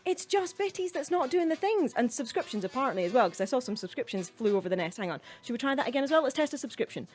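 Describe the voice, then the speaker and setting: A woman's voice: high voice, big pitch swings, quick pace, a little mellow, soft background music. Gushing woman hosting a stream. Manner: effusive, thanking viewers as darling and sweetheart. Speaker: cabaret host. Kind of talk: casual livestream chat.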